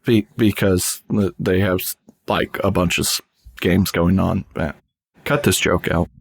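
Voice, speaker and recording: Male podcast co-host, lower voice, jokey and blunt, dry sound. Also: steady tone, a little slow, gravelly, breathy edge, no echo. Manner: jokey, short blunt reactions. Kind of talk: casual podcast chat.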